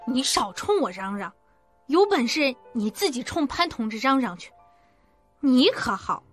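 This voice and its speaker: An actress playing a sharp-tongued middle-aged wife in an audiobook drama, quick to retort. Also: female voice, high-pitched, very animated, faint music behind. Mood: snappish. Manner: retorting, snappish. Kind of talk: audiobook radio-drama acting.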